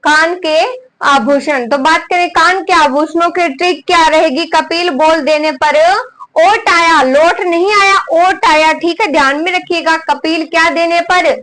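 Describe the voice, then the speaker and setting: Lady teacher, high voice, goes slow, repeats stuff, asks questions then answers them herself. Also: fairly even intonation, fairly bright tone, rough recording. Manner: repeats items for students to write down. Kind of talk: classroom lesson dictating notes.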